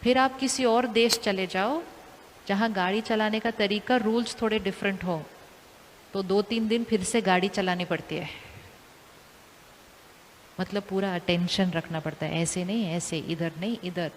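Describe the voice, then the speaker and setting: Casting: woman, calm spiritual teacher, asks the audience questions again and again, long hall reverb, faint hiss. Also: medium pitch, unhurried, long pauses.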